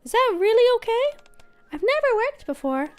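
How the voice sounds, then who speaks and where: A woman's voice: very high voice, very animated, normal speed, voice pushed up. A woman voicing a sweet, bashful, eager little girl while reading out game dialogue. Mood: surprised, hesitant.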